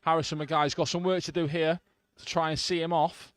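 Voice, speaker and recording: A man giving live radio commentary on a football match from the stands, calm play-by-play with brief asides to listeners. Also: a little high, fairly quick, no room sound.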